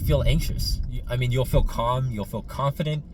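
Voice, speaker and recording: Rambling male coach over loud traffic noise. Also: mid-range voice, fairly even intonation, distant mic. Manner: rambling, halting, repeats words and phrases. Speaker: dating coach. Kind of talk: casual coaching monologue to camera. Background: loud road traffic and vehicle noise.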